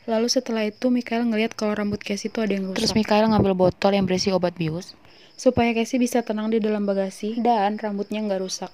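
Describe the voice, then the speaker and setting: Casual female film-recap narrator, mellow and chatty, faint background noise. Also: medium pitch, fairly even intonation, fast. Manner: chatty, slangy, joking asides.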